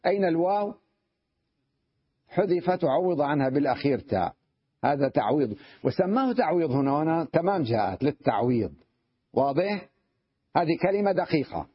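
A sheikh lectures on Arabic grammar in a brisk, sing-song, slightly rough voice on the high side, with long pauses. He reads a line from the text and explains it step by step, often asking rhetorical questions to check whether students follow. The recording is dull and lo-fi.

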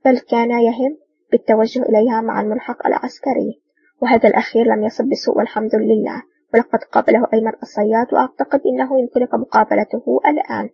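A woman's voice: a little high, fairly even intonation, fast, creaky, husky, no echo, full character voice. Woman voicing an older courteous male ambassador. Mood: formal. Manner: courteous, formal. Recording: dull distant dry recording.

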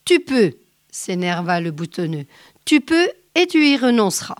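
A woman's voice: mid-range voice, very animated, normal speed, dry recording, clean studio sound, natural voice. Woman reading as an angry jealous husband.

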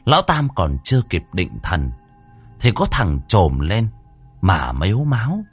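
A man's voice: sits low, very animated, a little slow, breathy edge, faint music behind. A man narrating a folksy ghost story in a colloquial, vivid way. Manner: colloquial, vivid, swinging delivery.

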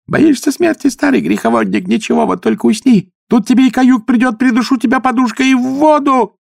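A man voicing a possessed young woman who screams vicious curses in a shrill voice. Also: a little fast, vocal fry, no echo, clean studio sound, full character voice. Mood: furious shrieking.

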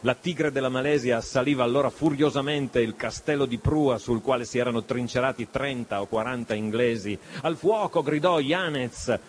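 A man reads an adventure story aloud in a dramatic audiobook style. His voice sits at a middle pitch and moves expressively, dipping and rising with the action of the scene. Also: moderate pace, slight background noise. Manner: expressive, shifts voice for dialogue. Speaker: audiobook reader. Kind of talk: dramatic literary reading.

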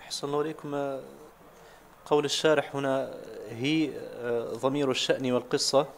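A man's voice: mid-range voice, fairly even intonation, a little fast, a little hiss or hum. A man reading a classical commentary aloud to his teacher in careful, formal Arabic, addressing him politely. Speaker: student reading the text aloud.

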